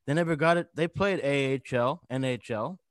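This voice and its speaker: A man's voice: fairly high pitch, fairly quick, no room sound. A man, chatting casually as an interviewer, rambling into anecdotes and repeating phrases for emphasis. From Gander, Newfoundland, Canada. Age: 30s. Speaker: host interviewing a hockey guest. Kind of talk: casual chat.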